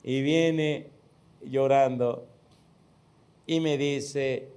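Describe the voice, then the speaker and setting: A man's voice: mid-range voice, fairly even intonation, drawn-out words, darkish tone, smooth. A middle-aged man, preaching a sermon with stories, stressing words by repeating them and putting questions straight to his listeners. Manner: addresses listeners directly with questions. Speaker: pastor. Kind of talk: sermon with storytelling.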